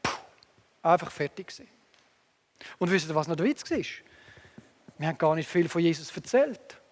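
A man preaching a sermon earnestly, moving between emphatic lines and hushed asides, with long hall reverb. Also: fairly high pitch, very animated, moderate pace.

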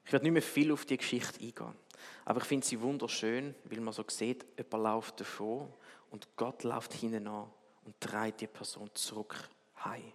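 A man reading a story aloud as a preacher, with expressive storytelling that swings from loud to hushed. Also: on the low side, moderate pace. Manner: expressive storytelling, rising loud on tense moments and dropping to a hush. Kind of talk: reading a story aloud, then sermon commentary. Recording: long hall reverb.

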